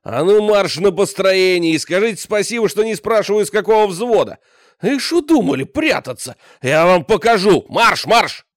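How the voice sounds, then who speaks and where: A man's voice: high-pitched, sing-song, moderate pace, no room sound, clean studio sound, pitched above the performer's own voice. A man voicing a stern, burly Red Army commander who barks orders. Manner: barking, gruff.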